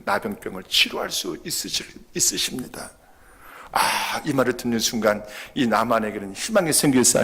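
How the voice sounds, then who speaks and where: A man's voice: mid-range voice, fairly bright tone. A man preaching a sermon as pastor in a church, often asking his congregation rhetorical questions. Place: church sanctuary.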